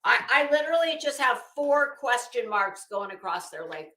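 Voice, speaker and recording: The host of a commentary show, a woman, reads a document aloud and adds sardonic, incredulous remarks with blunt, casual swearing. Her voice runs high and sing-song with a sharp tone at a moderate pace, and the sound is roomy and echoing.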